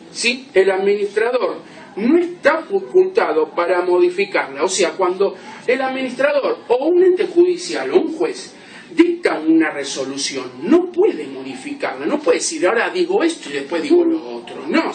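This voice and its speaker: Male lecturer, high animated voice, explains with examples, echoey classroom. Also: moderate pace. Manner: explains with examples, asks "¿sí?" often. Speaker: law lecturer. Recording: roomy classroom from a distance.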